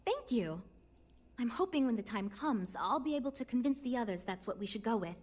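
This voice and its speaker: Brief: a dry, patient game ship designer, a touch high-pitched, worn down but still trying. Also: female voice, sing-song, fairly quick, darkish tone. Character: weary but earnest woman starship designer. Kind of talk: video game character dialogue.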